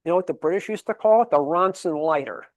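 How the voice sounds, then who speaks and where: Speaking at a quick pace in a voice on the high side, a man from Connecticut, USA, delivers an emphatic public library history lecture full of rhetorical questions, dates and figures. It takes place in a library meeting room, with no room sound on the recording.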